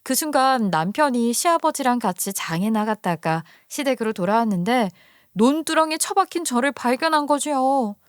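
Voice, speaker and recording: A woman's voice: a little high, animated, moderate pace, no room sound, studio quality. Woman narrating an indignant story.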